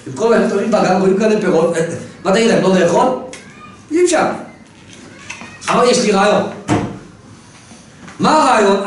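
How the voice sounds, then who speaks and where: A man teaching through a parable in a casual way, an animated storyteller who keeps quizzing his listener. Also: high voice, slight background noise. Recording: very echoey room, mic far off.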